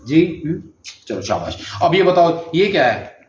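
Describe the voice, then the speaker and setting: Speaking unhurriedly with a highish voice and wide pitch swings, a Pakistani man runs a speech therapy session while commenting along the way. He's patient, frequently repeating prompts and praising. The room sounds echoey and the recording dull.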